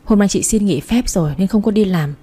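Woman reader voicing a kind older woman friend, gentle and soothing, mellow, husky. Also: mid-range voice, fairly quick, natural voice. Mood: coaxing.

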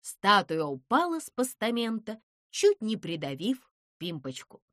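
A woman narrating a children's storybook in a lively, dramatic way. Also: medium pitch, a little slow, no echo, clean studio sound.

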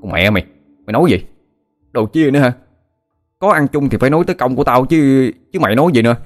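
A man voicing a hot-tempered young village man who swears and shouts angrily in a told story. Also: mid-range voice, animated, fast talker, soft background music, voice pushed up, lightly acted. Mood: furious.

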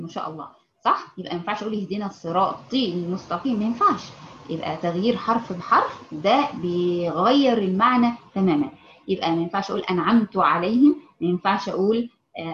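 A woman with an Egyptian Arabic accent teaching Quran recitation in an informal lesson. She repeats her points patiently, asks her students to respond and slows down to recite example verses. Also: on the low side, slight background noise. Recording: echoey, muffled audio.

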